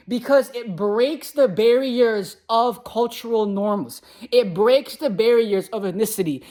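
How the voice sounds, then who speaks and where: A woman's voice: medium pitch, a little mellow. A woman who speaks Khmer alongside English, delivering an impassioned, preachy monologue to viewers with emphatic repetition.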